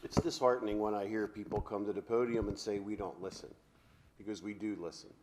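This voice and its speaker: A man's voice: lowish voice, fairly even intonation, fast, noisy background. A man on a city council responding to public comments in a plainspoken, defensive way.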